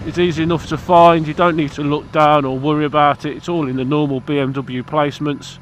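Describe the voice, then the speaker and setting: A British man, congested from hay fever, rambles cheekily and bluntly to camera outdoors about his motorbike for his motorcycle vlog. His voice is a little high, flat and brisk, with a little hiss or hum.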